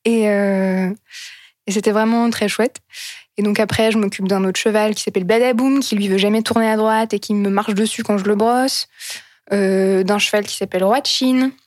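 An earnest woman tells a personal story with a halting rhythm, stopping now and then to find the right word. Her voice sits at an ordinary middle pitch and is captured close and dry, with almost no room sound. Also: steady tone, darkish tone, no echo. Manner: earnest, halting, searching for words.

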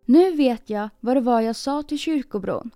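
A woman's voice: fairly high pitch, animated, no echo, studio quality, soft background music, lightly acted. A woman voicing a proud, harsh false bride in a storybook reading, speaking sharply. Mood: defensive. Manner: sharp, scolding.

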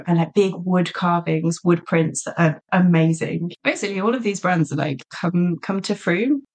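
A woman co-hosting a podcast, chatting casually and eagerly, with lots of "like" in her speech. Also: fairly low pitch. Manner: chatty and enthusiastic, peppered with "like". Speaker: podcast co-host. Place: lives in a small market town in south-west England.

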